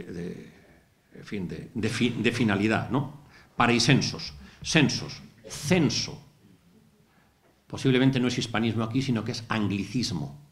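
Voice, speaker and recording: Middle-aged guy lecturing, goes word by word, kinda low voice. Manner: explains word by word, methodical, with asides. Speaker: university lecturer. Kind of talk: academic lecture. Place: lecture hall.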